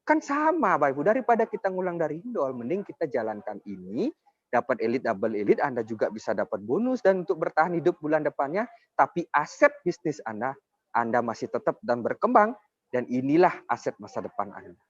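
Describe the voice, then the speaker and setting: Speaking at a mid-range pitch, fairly quickly and with a lot of animation, a man in his twenties makes a persuasive sales presentation for network marketing. He keeps turning to address the audience directly to motivate them. The sound is dull, dry and lo-fi.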